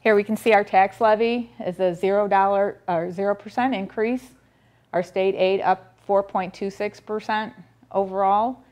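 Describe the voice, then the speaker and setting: This is room audio from a distant camera at a public board meeting, where a middle-aged woman beside a projector screen presents the school district budget. She reads the figures methodically, with frequent ums and restarts, in a steady, darkish, medium-pitched voice at a moderate pace.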